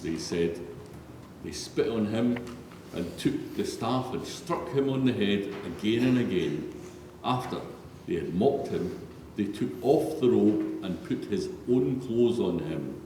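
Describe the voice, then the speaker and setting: The echoey, distant recording, with faint noise, captures a man reading a solemn scripted Bible passage aloud in a large reverberant church. He speaks slowly in a fairly low, dark-toned voice with lively intonation.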